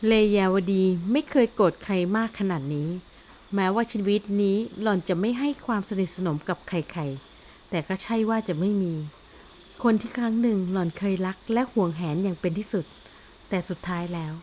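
A woman's voice: medium pitch, moderate pace, mellow, a little hiss or hum. Woman narrating an audio novel.

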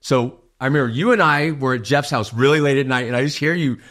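A man hosting a casual podcast chat, excitable and quick to laugh. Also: medium pitch. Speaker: podcast host.

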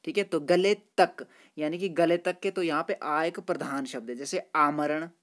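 A man's voice: fairly high pitch, normal speed, a bit bright. A man teaching grammar for exam prep. He is friendly, goes through quiz answers step by step and keeps repeating "ठीक है" and "दोस्तों".

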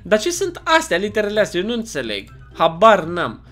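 Animated young Romanian gamer man, lively pitch. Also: soft background music. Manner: chatty, animated, jokey, often puzzled and exclaiming. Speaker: gaming YouTuber. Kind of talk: casual gameplay commentary.

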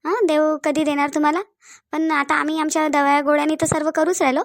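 A soothing female doctor from a cartoon, voiced by a woman with a Varhadi Marathi accent. The voice sits high with a gravelly edge, and the recording is close and dry. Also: little pitch movement, quick pace, dry recording. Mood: reassuring. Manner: soothing, repeats reassurances. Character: calm reassuring female doctor, middle-aged.

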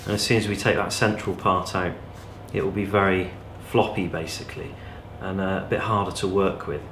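Low-voiced man demonstrating leatherwork in an echoey workshop. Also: a little fast. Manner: relaxed, practical, talking while working. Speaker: bushcraft channel host. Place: cluttered indoor workshop. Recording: echoey workshop with background noise.

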